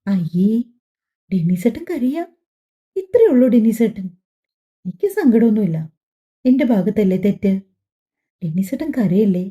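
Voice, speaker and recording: A woman voicing a gentle young pregnant wife in a family audiobook, speaking in a pleading, tearful way. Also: mid-range voice, expressive, normal speed, pauses often, natural voice. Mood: soft, gentle. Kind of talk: audiobook dialogue.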